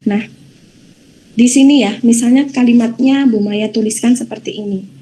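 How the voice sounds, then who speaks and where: A woman's voice: on the high side, steady tone, normal speed, warm tone, rough recording. Patient woman teaching an online class. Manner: patient, explaining step by step with many "nah" fillers. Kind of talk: online class lesson with screen share.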